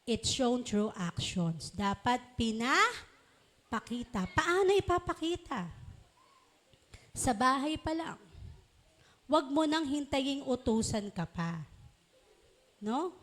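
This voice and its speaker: A woman's voice: sits high, lively intonation, slow, pauses often. A woman teaching a congregation of children and parents in a sermon, coaxing them along with questions and frequent check-ins. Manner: acts out parents and children in short voices. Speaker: church teacher.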